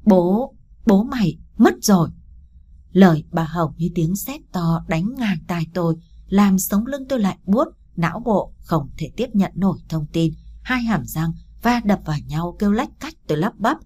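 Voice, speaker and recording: A woman reading a first-person story aloud, steady and emotional. Her voice sits low and dark, with a husky, breathy grain. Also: moderate pace. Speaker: audiobook narrator.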